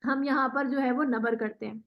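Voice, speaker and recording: A woman teaching Quran recitation in an online class, patiently modelling words slowly and praising the student. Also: sits high, fairly even intonation, dull audio. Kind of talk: online tajweed lesson.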